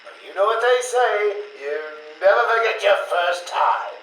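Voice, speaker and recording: A man's voice: high-pitched, animated, moderate pace, fairly bright tone, faint music behind. An actor playing an unhinged, taunting male clown villain, heard played back from a cassette interview tape. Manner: taunting, flirtatious, swings wildly in tone. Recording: echoey distant tape with faint hiss.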